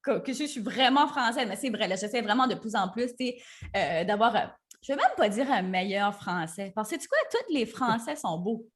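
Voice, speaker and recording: A woman's voice: fairly high pitch, animated, fairly quick. A woman hosting a podcast, chatty and enthusiastic, mixing in English words. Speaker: podcast host. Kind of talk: casual interview chat.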